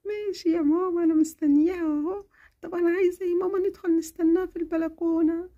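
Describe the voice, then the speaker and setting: A high, childlike little girl, as a woman puts her on in a children's cartoon, whiny and soft with an Egyptian accent. Her voice sits very high but with a mellow, dark tone. She pleads and complains in a small voice. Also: steady tone, fast talker, muffled recording. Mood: impatient. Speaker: cartoon character.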